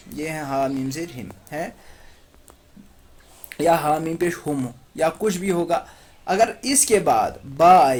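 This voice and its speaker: A man teaching Quran recitation in Urdu with a Pakistani accent, slowly spelling letters and vowel marks and asking his students questions as he goes. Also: fairly high pitch, darkish tone. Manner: patient, repeats each syllable slowly and asks the class questions.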